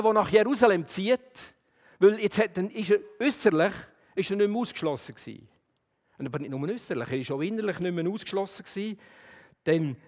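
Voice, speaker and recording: A man with a Swiss German accent preaching a sermon, swinging between loud emphasis and quiet, intimate address. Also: sits high, in a large hall.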